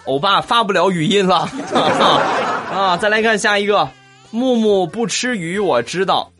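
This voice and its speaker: A man's voice: high voice, lively intonation, measured pace, music in the background, a crowd in the background. A man hosting a comedic podcast, reading listener comments with teasing jokes and frequent laughter. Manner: jokey, laughs often, teasing asides. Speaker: podcast host.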